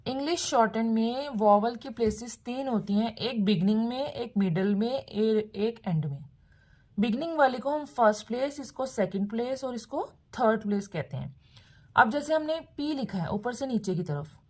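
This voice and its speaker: A woman's voice: fairly high pitch, a little mellow. Patient woman teaching shorthand in Hindi. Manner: patient, explains in plain Hindi with English terms mixed in. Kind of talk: video lesson explaining step by step.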